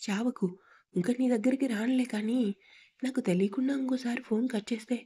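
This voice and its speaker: A woman voicing a possessive, domineering young husband in a storybook reading, stern and threatening, with a husky tone. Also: fairly high pitch, steady tone, brisk, mellow. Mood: menacing.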